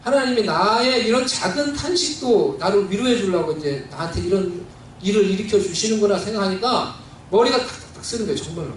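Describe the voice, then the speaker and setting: A man's voice: sits high, animated, fairly quick, a little hiss or hum. A male pastor preaching a sermon, telling a personal story in a heartfelt, conversational way with many fillers. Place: church sanctuary. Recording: very echoey church hall, mic at a distance.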